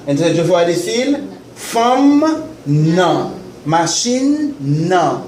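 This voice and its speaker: A man teaching in a classroom, slowly repeating words for students to echo. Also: high-pitched, big pitch swings, darkish tone. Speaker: Haitian Creole teacher. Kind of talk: classroom lesson. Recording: echoey classroom with faint noise.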